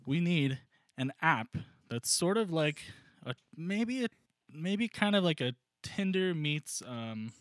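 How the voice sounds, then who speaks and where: A man's voice: on the high side, expressive, takes it slowly, a bit bright, dry recording. A man co-hosting a comedy podcast in casual chat, rambling and joking with lots of fillers. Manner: rambling, jokey, many fillers. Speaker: podcast co-host.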